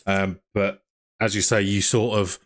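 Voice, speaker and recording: A man's voice: on the low side, flat delivery, unhurried. A young man, hosting a casual football podcast, chatting and reading out viewer comments. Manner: chatty, reads out viewer comments and asks questions. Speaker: podcast host.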